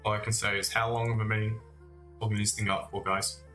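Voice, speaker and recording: A man with a lowish, sharp-toned voice hosts a live trading stream, talking fairly quickly in a flat way. He chats casually about the markets and calls his viewers "mate" and "guys" like friends, though he's recovering from a cough and a lost voice. The room echoes and faint music plays.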